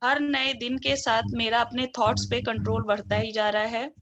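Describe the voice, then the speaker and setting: A woman heard over an online video call line, a student in a coaching session reading out her own affirmations, hesitant at first and then steady. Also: a little high, normal speed, lo-fi sound. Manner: hesitant, with many fillers before steady recitation.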